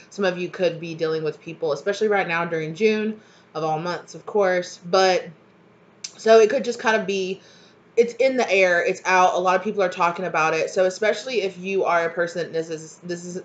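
A woman in her thirties with a slightly stuffy nose from a cold gives a chatty, reassuring channeled tarot reading to her webcam in her home kitchen, full of fillers and asides. Her voice is on the low side. The webcam sits at desk distance and the audio is slightly dull.

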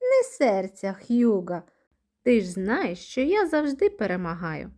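A stubborn little boy mouse who must always win, played by a woman reading a children's storybook. He sulks and complains in a bouncy, lively voice. The tone stays mellow and soft. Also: mid-range voice, a little slow. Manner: sulky, complaining.

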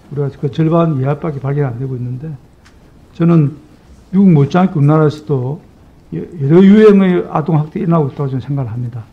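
Gravelly man answering carefully. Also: on the high side, lo-fi sound. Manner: measured, hesitant, careful. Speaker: government minister answering questions. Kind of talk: formal testimony.

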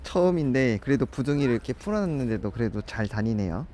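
A man's voice: mid-range voice, lively intonation, fast talker, darkish tone, a little hiss or hum. A man narrating a pet vlog in a friendly, chatty way, talking straight to his viewers. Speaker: pet vlogger.

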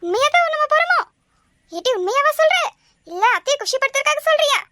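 A woman's voice: very high-pitched, very animated, quick pace, noisy background. A woman voicing a bossy, scolding older mother-in-law in a cartoon. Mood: excited. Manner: scolding, nagging. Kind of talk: cartoon voice acting.

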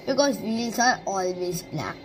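An art teacher with a mid-range voice walks through a digital drawing tutorial over a screen recording, sounding animated but speaking a little slowly. Her instructions are simple, short, and broken, with background music and slight background noise.

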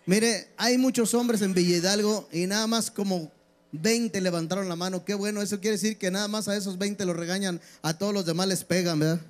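A middle-aged man with a Mexican accent telling crude, rambling jokes on stage at a local pageant. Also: high-pitched. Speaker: comedian. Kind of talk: stand-up joke telling.

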